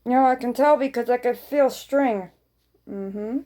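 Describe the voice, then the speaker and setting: A woman's voice: on the high side, unhurried, warm tone. A woman vlogger chatting casually to her viewers in a rambling way, often repeating phrases for emphasis.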